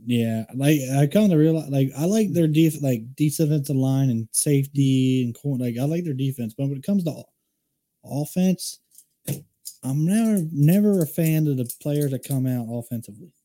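A man's voice: medium pitch, expressive, moderate pace, warm tone. A man co-hosting a casual sports chat, rambling and opinionated, restarting his sentences often. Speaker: podcast co-host.

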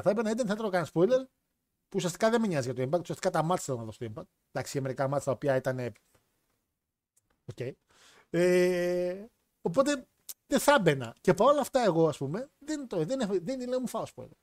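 A young man hosts a wrestling chat, joking and slangy, reacting to viewer comments. His voice sits a bit high. The sound is close and dry. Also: dry recording. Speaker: wrestling show host. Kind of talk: casual chat reading chat comments.

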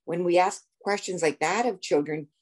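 An older woman with a notably low voice for a woman speaks in a calm, instructive manner. She talks as a former nurse and counselor. Her delivery is measured and steady. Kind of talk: casual conversation.

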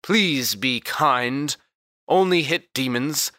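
A man voicing a small, short-tempered and pompous male cleric official with a high, fussy, indignant voice. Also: slow pace, sharp tone, no echo, clean studio sound. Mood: flustered.

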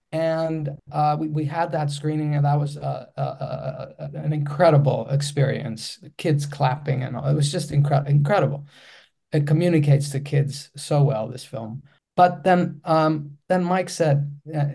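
A man's voice: on the high side, creaky, warm tone. A Greek-accented man in his forties, a filmmaker guest in an interview, speaking hesitantly with many restarts. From Greece.

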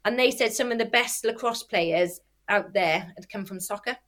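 A woman who is an athlete and youth sports coach chats casually in an interview, explaining things with examples and correcting herself. She can't pronounce R well and says w for r, speaking at normal speed in a medium-pitched, fairly bright voice.

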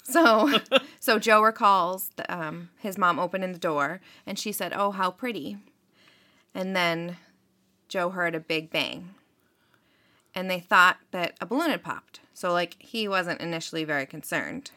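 Chatty woman with a bright edge. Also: lowish voice, a little slow. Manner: chatty, filler-heavy, frequent "like" and "um". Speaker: podcast host. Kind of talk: casual true-crime storytelling.

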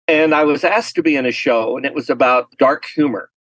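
Husky-voiced man telling a story. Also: brisk, dry recording, low-quality recording. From Texas. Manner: animated, laughing storyteller with lively pitch swings. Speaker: artist guest. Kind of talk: casual storytelling interview.

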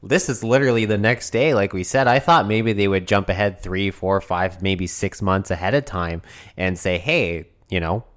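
A man's voice: fairly low pitch, moderate pace. A man co-hosting a podcast, swearing often and joking in casual chat. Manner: profane, joking, animated. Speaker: podcast co-host.

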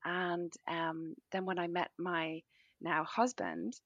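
Middle aged irish woman, west of ireland donegal accent, raspy creaky voice, chatting casually, thinks out loud. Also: fairly low pitch, fairly even intonation, takes it slowly, highs cut off. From Donegal, northwest Ireland. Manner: hesitant, thinking aloud. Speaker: podcast guest. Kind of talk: casual conversational interview.

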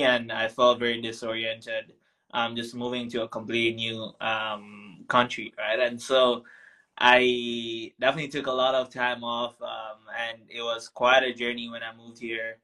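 A man's voice: medium pitch, bright, forceful tone, low-quality recording. A young man from Tanzania, a founder talking as a guest in a casual interview, reflective and full of ums and restarts. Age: young adult.

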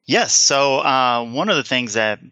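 A man's voice: mid-range voice, expressive, measured pace, sharp tone, clean tone, dry recording. A man in his thirties, born in Serbia with Serbian as his first language, with a slight Southern American accent, talking politely and plainly as an interview guest. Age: 30s. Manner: polite, plain-spoken, says "yes, sir". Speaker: guest, business owner. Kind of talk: casual interview chat.

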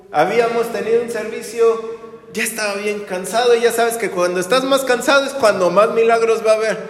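A man preaching a sermon as pastor, telling stories with animated delivery and acting out the people he quotes. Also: sits high. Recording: roomy hall with long reverb.

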